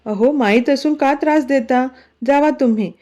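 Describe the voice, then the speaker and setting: A woman voicing a shy, easily flustered young wife in a storybook romance, with a slightly high, mellow voice and a pleading, mildly irritated manner. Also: moderate pace, close to an everyday voice. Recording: dull, lo-fi recording.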